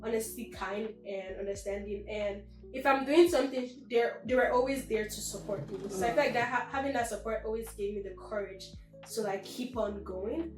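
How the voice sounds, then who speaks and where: A woman's voice: mid-range voice, fairly quick. A teenage girl answering interview questions earnestly, saying "like" and "honestly" often. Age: teens. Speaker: guest. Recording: roomy, distant mic, faint music.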